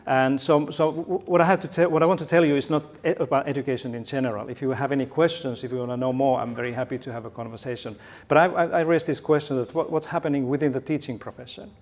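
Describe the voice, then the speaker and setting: Rarely pausing, this middle-aged Finnish keynote speaker talks fast in a slightly mellow mid-range voice with fairly even intonation. His Finnish accent comes through in the conference hall, and his jokey, friendly style involves frequent restarts.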